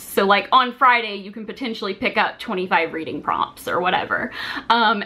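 A twenty-something woman hosts a video about a reading challenge from a small, furnished room at home. Speaking at medium pitch with a pushed, bright quality, she keeps things casual and leans heavily on "like" and other fillers.

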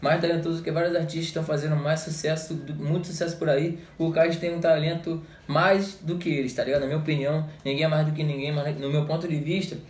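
Young Brazilian male reactor, quick, slangy street talk, headset in a roomy little room. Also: on the high side, little pitch movement, a little mellow. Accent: Brazilian Portuguese. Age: young adult. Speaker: music reaction youtuber. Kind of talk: casual reaction commentary. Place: small indoor room, gaming chair. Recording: echoey small room.

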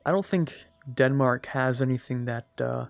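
In a dry recording, a young man plays a strategy game and talks through it at normal speed, his medium-pitched voice gravelly and slightly strained. He chats casually, teases himself, and talks to the computer opponents.

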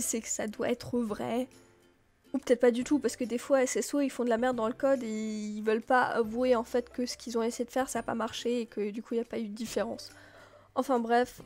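A woman's voice: on the high side, darkish tone. A woman giving casual, rambling commentary as she plays a video game, with many filler words. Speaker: gameplay video creator.

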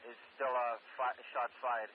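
A man's voice: medium pitch, little pitch movement, unhurried. A male police dispatcher heard through a radio transmission, giving short, clipped calls and repeating each key detail. The sound is muffled and narrow, with a light hiss of static behind the voice.

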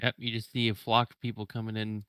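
Male game master, crisp bright tone, loose hesitant narration. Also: lowish voice, completely flat delivery, fast talker, dry recording. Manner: casual, hesitant narration with fillers.

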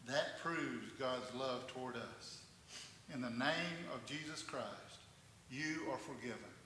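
A pastor leading a communion liturgy in a measured, reverent way, his voice carrying a cathedral echo in a large church sanctuary. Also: medium pitch. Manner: measured, reverent reading with slow stresses. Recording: echoey church hall from a distance, faint noise.

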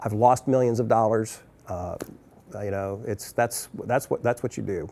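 A man in his fifties who heads a brewery as chief executive sits for an interview in a taproom, his voice fairly low and his speed normal. He tells stories and answers questions in an animated way, gesturing with his hands as he talks.

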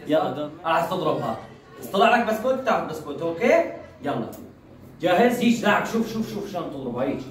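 A woman's voice: lowish voice, very animated, quick pace. Playful mother hosting a family vlog. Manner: playful, bossy, instructing children. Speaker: vlogger mother running a game with her kids. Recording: echoey room, mic far off, noisy.

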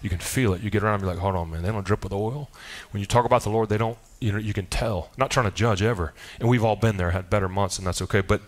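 Man, slightly low voice, animated conversational preacher delivering a sermon, lots of asides and quick restarts. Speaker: pastor. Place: church sanctuary.

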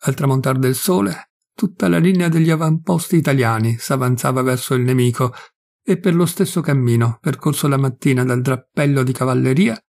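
A man reading a classic novel aloud in a measured, deliberate and solemn way. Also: mid-range voice, creaky, a little mellow. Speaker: audiobook reader. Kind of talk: scripted narration of a classic novel.

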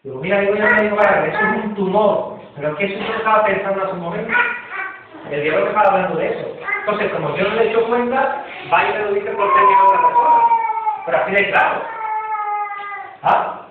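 High-voiced preacher man, echoey and distant. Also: sing-song, fast, pauses often. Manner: emphatic, repetitive, sudden jumps in pitch. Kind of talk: sermon. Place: church. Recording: very echoey, distant, tinny and noisy amateur recording.

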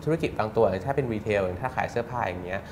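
Guy in his 30s rattling off business tips on a studio set, lowish voice, audible noise behind. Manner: fast, explanatory, acts out customer quotes. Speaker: business guest. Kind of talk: studio interview. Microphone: lapel mic.

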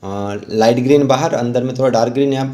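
In a mellow, mid-range voice, an Indian rangoli instructor talks through an informal step-by-step tutorial voice-over, often halting and repeating himself while explaining.

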